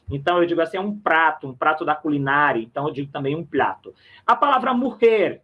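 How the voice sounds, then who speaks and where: Brief: male language teacher, raised pitch, friendly repetitive explainer style. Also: fairly bright tone. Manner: chatty, repeats and checks with "né?", calls listener "camarada". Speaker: Spanish teacher. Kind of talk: recorded online lesson.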